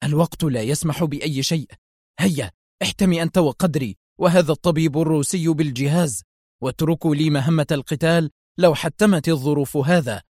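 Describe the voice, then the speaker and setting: A fierce young woman doctor snaps out urgent, stern orders in a tense story reading, as a male narrator puts her on. Her voice is lifted a little higher than his own plain telling. The sound is close and dry, with no room around it. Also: brisk, a little mellow, no room sound, close to an everyday voice.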